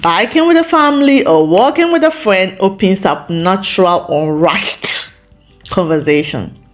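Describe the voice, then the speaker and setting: A woman hosts a lifestyle vlog, chatting casually with viewers in a reflective, encouraging way, with short pauses between phrases. Her mid-range voice is expressive, with faint music behind her.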